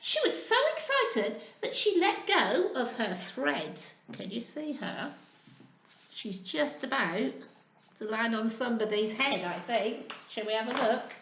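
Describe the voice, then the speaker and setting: With a high, bright voice and an unhurried pace, a woman storyteller gives an animated storytime reading for small children, expressive, sing-song, and encouraging, asking them questions along the way. She's in an echoey room with slight background noise.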